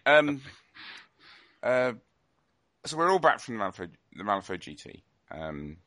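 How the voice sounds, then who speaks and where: A man's voice: deep voice, fairly bright tone, no room sound. A man hosting a casual podcast chat, hesitant and full of ums. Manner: hesitant, filler-heavy. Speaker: podcast host.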